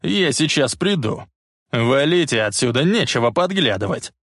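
A man reading aloud voices a drunk, brutish young bully with a slow snarl. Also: mid-range voice, big pitch swings, a bit bright, no room sound, clean studio sound, pitched above the performer's own voice. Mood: bossy.

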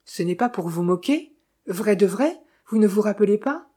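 A chatty village innkeeper who loves passing on gossip, full of sly teasing and knowing asides, as a woman reads him aloud. The voice sits mellow and a little husky. It is an audiobook character voice. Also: mid-range voice, expressive, moderate pace. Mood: confiding.

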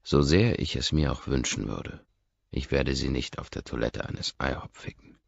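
Very deep, gravelly male narrator. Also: normal speed, dry recording, highs cut off. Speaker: audiobook narrator. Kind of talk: first-person novel narration.

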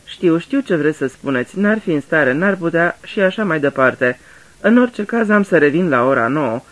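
A man's voice: fairly high pitch, expressive, fairly bright tone. Poirot, a man voicing a fussy polite detective. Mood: courteous probing. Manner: polite, patient, explaining like a teacher. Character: fussy, courteous older male Belgian detective. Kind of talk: radio drama reading.

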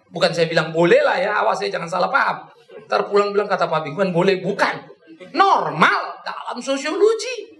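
Man, preacher, sermon, lively pitch, soft then loud, echoey church. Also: vocal fry. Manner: animated, jumps between soft and loud; jokes and acts out his own past quarrels.

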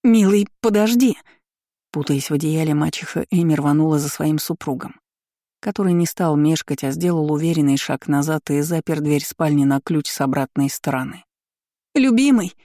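A woman reading a dramatic short story aloud as an audiobook narrator, with an expressive delivery. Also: deep voice, a little fast, no echo, clean studio sound.

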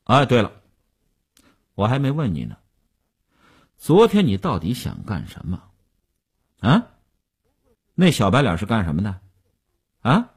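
A man's voice: lowish voice, huge pitch swings, a little slow, long pauses, breathy edge, heavily acted. A man voicing an angry, jealous man who hurls mocking, insulting questions. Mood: suspicious. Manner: shouting accusations, mocking questions.

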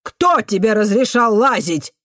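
A woman's voice: a little high, expressive, measured pace, no room sound, studio quality, voice pushed up. A woman voicing a vicious, foul-mouthed old female caretaker who snarls and shrieks abuse. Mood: furious.

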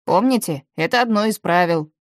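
A woman's voice: mid-range voice, lively intonation, normal speed, dry recording, clean studio sound, close to an everyday voice. A woman voicing a cool, blunt teenage boy who leads the group, in an audiobook. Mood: scornful. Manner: blunt, scornful.

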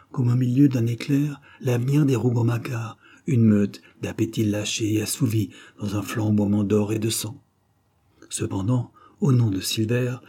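A man narrating a novel in a dramatic, expressive reading. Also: medium pitch, slightly rough. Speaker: audiobook narrator. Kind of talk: scripted literary narration.

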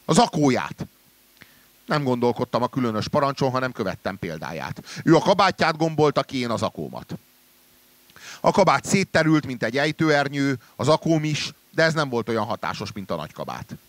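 A man reading a literary story aloud in a measured way, trailing low and quiet at the ends of sentences. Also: big pitch swings, no room sound. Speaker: reader.

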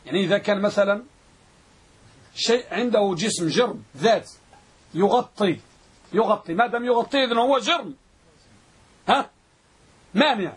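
A man teaching a grammar class, repeating definitions slowly and quizzing his students. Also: high voice, husky. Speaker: Islamic scholar teaching Arabic grammar.

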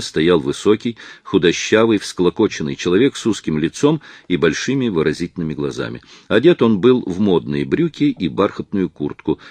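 Low-voiced expressive male narrator. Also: no echo. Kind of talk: audiobook reading.

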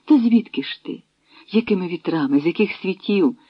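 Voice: mid-range voice, expressive, moderate pace, no room sound, lightly acted. A reader voicing an elderly woman servant who gasps and whispers with a trembling voice, in an audiobook reading. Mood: trembling overjoyed. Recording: dry, dull lo-fi sound.

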